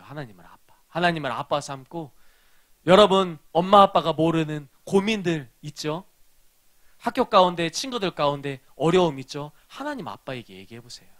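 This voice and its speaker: High, bright-voiced pastor preaching to kids. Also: male voice. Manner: storytelling, asks the children questions. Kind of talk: children's sermon.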